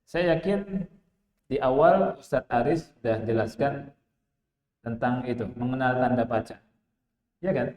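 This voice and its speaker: A man from Indonesia teaches Arabic grammar at a slow, measured pace, keeping it conversational with frequent rhetorical questions. His voice carries a long reverb, as if recorded in a large echoey hall. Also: medium pitch, a little mellow. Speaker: Islamic teacher.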